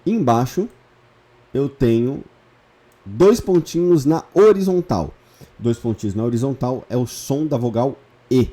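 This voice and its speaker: A man's voice: medium pitch, animated, measured pace, warm tone. A man teaching a lesson step by step, patient, repeating key points and checking in often. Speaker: Hebrew teacher. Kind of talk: online lesson, explaining step by step.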